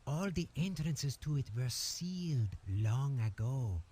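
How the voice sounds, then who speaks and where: A fussy male collector of rare voices from an adventure game. He talks slowly and deliberately, with a self-important, measured air. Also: medium pitch, expressive, mellow, husky. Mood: haughty. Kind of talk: game voice acting.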